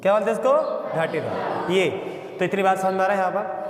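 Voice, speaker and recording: A man's voice: sits high, fast talker, a crowd in the background. A male biology teacher, lecturing in a call-and-response way. He asks each question again and again, then gives the answer himself. The sound rings with a long, roomy reverb. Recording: echoey, reverberant room.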